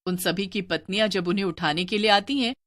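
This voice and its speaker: A woman narrating a cartoon story in an expressive, storytelling manner. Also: medium pitch, brisk.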